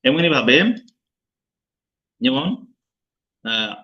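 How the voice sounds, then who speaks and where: A man's voice: mid-range voice, very slow, highs cut off. A man teaching an online lesson, explaining step by step and quizzing his students. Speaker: Quran recitation teacher.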